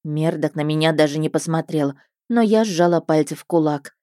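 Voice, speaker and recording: A woman's voice: low-pitched, moderate pace, dark tone, dry recording, clean studio sound. A woman reading a first-person detective story aloud in a wry, matter-of-fact way. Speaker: audiobook narrator. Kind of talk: first-person audiobook narration.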